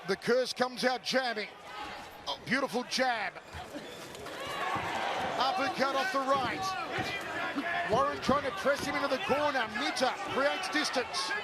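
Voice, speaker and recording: A man calling a fight live as play-by-play commentator in a booming, dramatic announcer's delivery full of colourful catchphrases. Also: measured pace, pauses often. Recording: loud crowd and music behind. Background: loud crowd and music.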